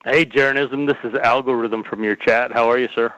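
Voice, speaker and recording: A man calling in to a talk show over the phone, giving calm, matter-of-fact advice. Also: medium pitch, a little fast, no room sound. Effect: heard over the phone. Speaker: caller. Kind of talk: call-in chat. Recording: muffled phone line.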